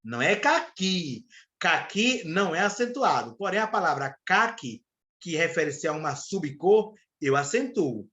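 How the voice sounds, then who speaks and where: In a live online lecture, a Brazilian Portuguese-accented man goes through the rules step by step, pausing to check in with his students. His voice is a little high and fairly bright, animated, at a moderate pace with few pauses.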